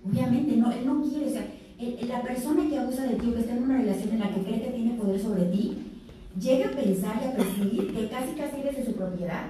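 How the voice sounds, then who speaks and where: A woman's voice: on the high side, fairly quick, warm tone. A woman with a Mexican accent giving an informal talk to teenagers, acting out the voices of the people she quotes. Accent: Mexican Spanish. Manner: conversational, acts out quoted abusers and victims. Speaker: speaker at a health fair talk for teens. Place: event room. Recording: very echoey room, distant mic, faint noise.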